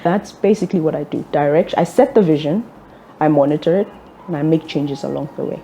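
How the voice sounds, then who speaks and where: Young woman with a dark, low voice. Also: slight background noise. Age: young adult. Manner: measured, orderly, with occasional ums. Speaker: executive director of a fuel transport firm. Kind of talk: interview answers.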